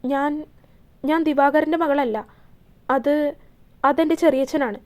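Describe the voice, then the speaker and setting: A woman voicing a grieving young wife in a romance audio story, halting and repeating words as she cries. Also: high-pitched, fairly even intonation, darkish tone. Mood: tearful.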